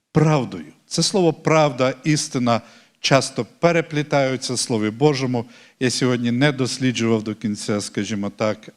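A male pastor delivering a sermon in an earnest, conversational way. He stretches important words slowly and often raises his voice for emphasis. His voice sits at an ordinary middle pitch for a man.

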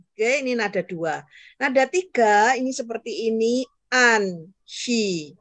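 A woman's voice: fairly high pitch, expressive, normal speed, dry recording. Patient woman teacher drilling tones. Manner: patient, drills tones and models pronunciation for repeating learners; keeps checking understanding with "ya". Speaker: Hakka language teacher. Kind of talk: online language class.

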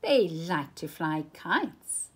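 A woman's voice: on the low side, sing-song, extremely slow, breathy edge, exaggerated voice. A woman voicing an unruffled, playful trickster tomcat from a storybook, reassuring like a confident showman. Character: unruffled, playful male trickster cat in a hat.

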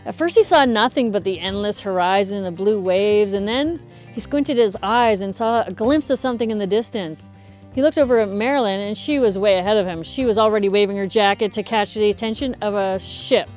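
A middle-aged woman recounts a survival story straight to camera, casual and lively. She speaks close into a lapel mic, with soft music running underneath. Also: mid-range voice, fairly quick. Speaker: host. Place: indoors in front of a stacked woodpile.

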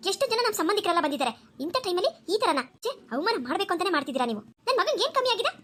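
A woman voicing a proud, quarrelsome middle-aged mother of the groom in a cartoon, loud and indignant. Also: high-pitched, animated, racing, slight background noise, pitched below the performer's own voice. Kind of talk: cartoon voice acting.

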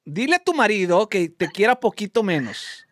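A Mexican man hosts a stream, phoning followers and calling the shots with excitable, teasing play-by-play. His voice sits high and swings widely in pitch. The sound is close and dry. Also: normal speed, no echo. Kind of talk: lively live-stream phone game commentary.

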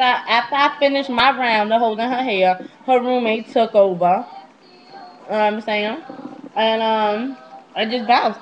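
A vlogger in her twenties tells personal stories to her webcam in a small indoor room at home, candid, slangy and swearing freely in casual confessional style. Her pitch is fairly high. The netbook's built-in webcam mic gives dull lo-fi audio.

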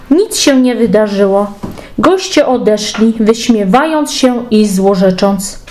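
A woman's voice: fairly high pitch, darkish tone. A woman reading a fairy tale aloud as a storyteller. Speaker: storybook reader.

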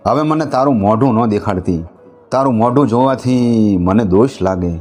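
A man's voice: mid-range voice, moderate pace, darkish tone, natural voice. A man voicing a jealous husband who turns remorseful and laments in a folk tale. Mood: harsh.

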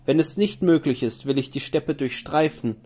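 A man's voice: a little high, normal speed, a little mellow, natural voice. A man voicing a grieving hero king, a weary wanderer, in solemn lamenting recitation.

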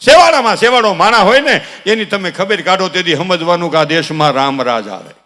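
A man performing a live comedy monologue on stage, preaching and telling stories in an animated way. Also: high voice, a little fast. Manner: preachy, animated storytelling with exhortations. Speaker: folk comedian and dayro performer. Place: live stage before an audience. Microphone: stage PA microphone. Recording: reverberant live stage hall.

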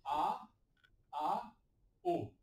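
A man's voice: fairly high pitch, expressive, darkish tone, far from the mic, a little hiss or hum. Encouraging male literacy teacher, echoey room. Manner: encouraging, sounds words out slowly. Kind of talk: classroom phonics lesson. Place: classroom with adult learners. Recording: echoey room, recorded from afar.

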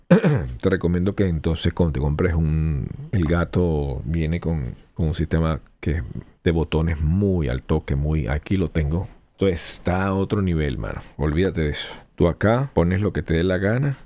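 Hosting a podcast, a man gives a casual, rambling hands-on review of a mixer, chatting and testing it aloud. His voice sits low and is mellow, expressive and unhurried.

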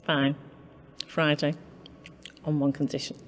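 A woman's voice: sits low, flat delivery, slow, big-room sound, a little hiss or hum. A woman playing a dry, sarcastic teacher. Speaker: actor in a scene. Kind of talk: scripted drama scene.

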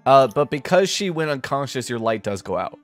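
A man narrating as game master for a tabletop game, pausing often with ums and uhs. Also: medium pitch, very animated, faint music behind. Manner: halting, with many ums and uhs.

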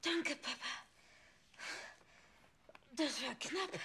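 A woman playing a small, cheeky magical creature with childlike, halting phrasing in a children's film comedy. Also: high-pitched, animated, bright, forceful tone, full character voice. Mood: relieved.

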